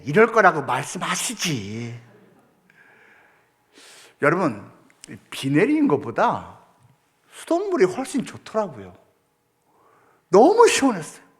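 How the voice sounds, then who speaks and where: A middle-aged man preaching a sermon, telling a story with lively acted-out quotes. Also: sits high. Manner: animated storytelling, acting out prayers and quotes. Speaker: pastor.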